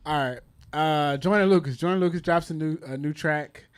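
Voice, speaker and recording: A man co-hosting a casual chat show, telling stories with animated energy and laughing often. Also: on the high side, moderate pace, smooth. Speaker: co-host.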